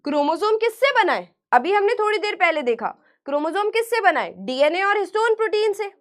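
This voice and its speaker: A woman teacher giving an online class lecture, animated and repeating key terms back to her students as questions. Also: very high-pitched, brisk.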